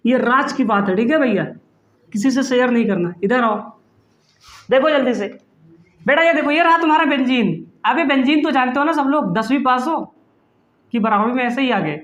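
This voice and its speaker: A man's voice: very high-pitched, normal speed, a bit bright, echoey room. Playful, teasing man teaching chemistry. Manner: playful, teasing, answers his own questions; calls students "beta" affectionately. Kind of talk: online class lecture.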